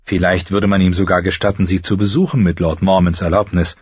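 A man reads an audiobook in a measured, even way. His voice is deep and husky. The recording is dry and slightly dull. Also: no echo. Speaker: audiobook narrator. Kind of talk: scripted narration.

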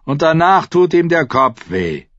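A man's voice: a little high, sing-song, measured pace, fairly bright tone, dry recording, lo-fi sound, voice pushed up. A man voicing a huge, proud clansman who talks bluntly about himself in the third person. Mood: grumbling.

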